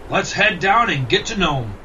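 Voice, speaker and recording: Man acting a steady sled-dog musher, distant and high-pitched. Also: normal speed, full character voice. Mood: steady, encouraging. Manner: encouraging, talks to his dog team. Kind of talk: children's audio drama acting. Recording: distant, muffled mic with faint noise.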